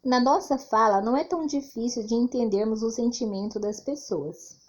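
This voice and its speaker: A Brazilian woman teacher explains punctuation slowly and clearly, acting out short example sentences for children. Her voice sits a little high with a mellow, warm tone. The recording is dull and lo-fi, like a simple home setup. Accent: Brazilian Portuguese. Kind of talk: scripted literacy lesson for children.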